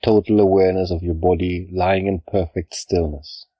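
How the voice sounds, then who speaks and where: Deep-voiced man guiding a meditation. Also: no echo, muffled recording. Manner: calm, measured, instructional, with pauses. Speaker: yoga nidra guide. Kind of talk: guided meditation, scripted narration.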